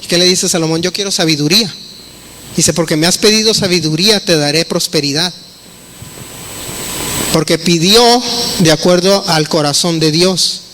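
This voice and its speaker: A man's voice: a little high, moderate pace, pauses often, pushed and bright, slight background noise. A middle-aged man, preaching a conversational sermon and acting out the quoted dialogue.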